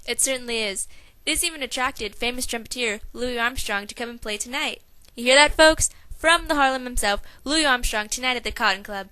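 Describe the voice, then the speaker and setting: A young woman plays a peppy, slangy 1920s radio morning hostess, reading a script in an upbeat announcer style. Her voice is fairly high, brisk, pushed and bright with a clean tone and a dry recording, though it's framed as a noisy amateur recording.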